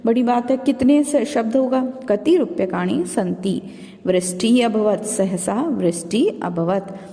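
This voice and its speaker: A woman's voice: a little high, mellow, big-room sound. A woman teacher going through an exam revision lesson step by step, calling her pupils children and asking and answering her own questions. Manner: calls listeners children.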